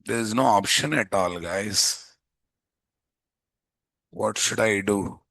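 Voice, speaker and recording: A man with a Telugu Indian accent teaching a live software class, informally thinking aloud and repeatedly putting questions to students. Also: fairly low pitch, slow, gravelly, dry recording. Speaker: programming instructor.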